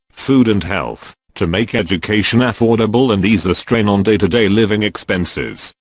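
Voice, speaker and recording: A man reading out a solemn, measured scripted statement as a spokesman, his voice disguised and electronically deepened. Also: dry recording. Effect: disguised deep voice, electronically altered.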